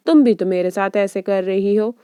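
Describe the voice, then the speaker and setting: A woman's voice: mid-range voice, moderate pace, dark tone, clean tone, dry recording, studio quality, natural voice. A woman voicing an earnest young man who pleads for a chance, read in her own voice as part of a drama recap. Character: young man, shy boy turned bold suitor.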